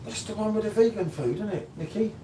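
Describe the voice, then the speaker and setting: A man's voice: high-pitched, fast, warm tone, distant mic. A man around fifty, co-hosting a live beer review stream and chatting casually with teasing, rambling banter. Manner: teasing, rambling, chatty, says "mate" often. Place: indoor room, live stream. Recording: roomy, off-mic, faint background hum.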